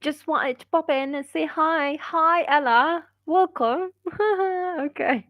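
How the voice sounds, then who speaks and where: Slow-talking woman streamer. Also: sits high, no echo, highs cut off. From Gaza, Palestine. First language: Arabic. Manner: hesitant, many fillers, laughs often. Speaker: livestream host. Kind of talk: casual livestream chat, reading viewer comments.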